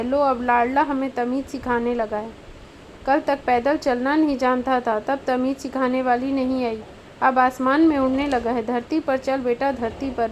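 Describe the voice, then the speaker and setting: A woman reading the part of a bitter, scolding old mother in an audiobook, with shrill indignation. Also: slight background noise, lightly acted, rough recording.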